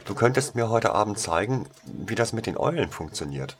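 A man's voice: on the low side, sing-song, moderate pace, a little hiss or hum, voice pushed up. A man voicing a guarded teenage schoolboy who speaks hesitantly with dry irony. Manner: hesitant, ironic. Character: shy, guarded teenage schoolboy, dryly ironic.

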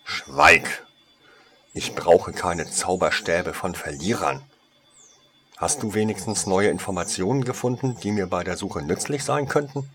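A man's voice: low-pitched, normal speed, natural voice. A man voicing a cold, commanding noblewoman who hisses orders in a storybook reading.

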